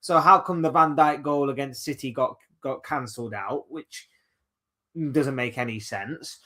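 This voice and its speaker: A man's voice: medium pitch, a little slow, bright, forceful tone. A man hosting a casual solo football chat, rambling and opinionated, reeling off players one by one. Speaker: football channel host.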